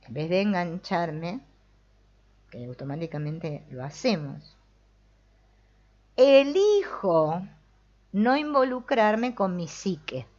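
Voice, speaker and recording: Argentine lady reading a spiritual book out loud, playful asides, lowish voice that swings around a lot. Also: takes it slowly, pauses often. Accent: Rioplatense Argentine Spanish. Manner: lively and playful, acts out the restless mind. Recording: dull lo-fi recording.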